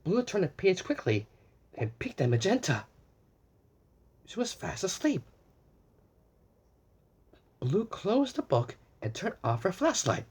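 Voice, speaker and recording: A mid-range, husky, slightly mellow voice reads a picture book to little children, slow and very animated with long pauses. Now and then the reader trips over or repeats words, sounds wide-eyed with wonder, and poses questions to the young audience.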